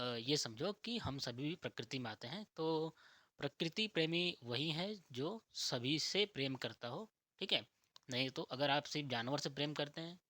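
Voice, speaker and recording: A man's voice: medium pitch, bright, forceful tone, dry recording. A man explaining ideas to his listeners like a teacher, asking questions and answering them himself and often checking in with "theek hai". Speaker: spiritual teacher. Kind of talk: explanatory talk on spirituality and nature.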